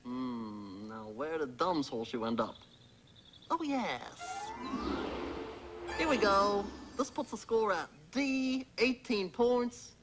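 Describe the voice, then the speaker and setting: A man's voice: sits high, very animated, slow, background noise, full character voice. A man voicing a fussy, self-important referee who makes corny puns. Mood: pompous. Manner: pompous, punny, chuckling. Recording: studio voice with music behind.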